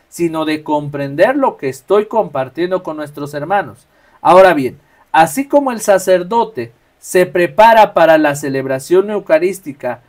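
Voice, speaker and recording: A man, teaching a workshop on reading scripture aloud at Mass, explaining step by step and often checking in with his listeners. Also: high voice. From Mexico. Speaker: lector trainer.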